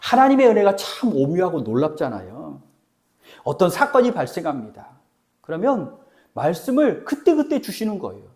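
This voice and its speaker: A male pastor preaching a sermon, asking his congregation questions and dropping from loud exhortation to near-whispers. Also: high-pitched, wildly swooping pitch, moderate pace.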